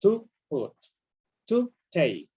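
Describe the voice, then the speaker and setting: A man's voice: a little high, wildly swooping pitch, extremely slow, mellow, slightly rough, muffled recording. A man teaching a class, patiently explaining grammar and repeating examples while checking that students follow. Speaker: English teacher.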